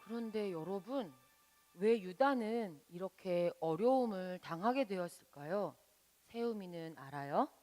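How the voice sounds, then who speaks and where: A woman as a Sunday school teacher, gently explaining a Bible story to children and asking them questions. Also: mid-range voice, expressive, unhurried, faint music behind. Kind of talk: children's Bible lesson narration.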